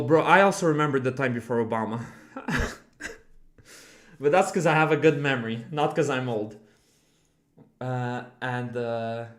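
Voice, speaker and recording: Answering viewers on his live stream, a twenty-something man rambles casually, dropping lots of fillers and curse words. His medium-pitched voice echoes around the room at home he's streaming from.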